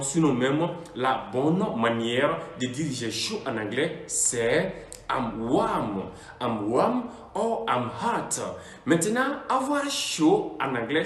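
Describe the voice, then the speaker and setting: A man teaching an English lesson in French, explaining each phrase and repeating the example words slowly and deliberately. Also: on the high side, roomy sound.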